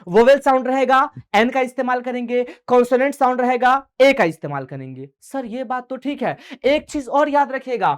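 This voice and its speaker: A man's voice: very high voice, clear, resonant tone. A man teaching an online English grammar class for board exam preparation. He talks in a chatty, coaxing way, calls his students affectionate names, and asks and answers his own questions. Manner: mixes English grammar terms into fast conversational explanation.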